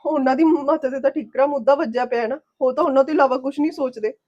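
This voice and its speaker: An actress playing a young wife betrayed by her husband, tearful and pleading, sharp-tongued with him. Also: high voice, quick pace, highs cut off, close to an everyday voice. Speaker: wronged first wife.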